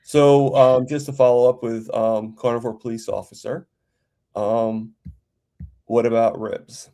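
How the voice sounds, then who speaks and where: A man's voice: medium pitch, little pitch movement, a little slow, mellow. A man in his fifties hosting a casual chat, with a hesitant, stumbling delivery. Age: 50s. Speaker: host.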